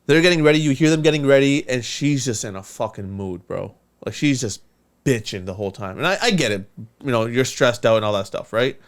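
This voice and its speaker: A man telling a story in casual podcast chat, animated and profane, acting out the voices of the people in it. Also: medium pitch, fairly quick. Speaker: podcast co-host.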